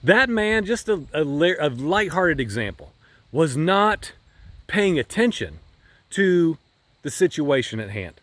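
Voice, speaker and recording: A man's voice: fairly high pitch, very animated, unhurried, fairly bright tone, no room sound. A middle-aged man gives an earnest, folksy devotional talk outdoors on his farm, with frequent ums and restarts. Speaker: podcast host.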